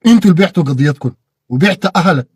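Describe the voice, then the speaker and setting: A man with a Sudanese Arabic accent giving an impassioned political monologue, repeating phrases and bursting into shouted peaks. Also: fairly high pitch, animated, racing, breathy edge, dry recording, clean studio sound. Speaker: political commentator.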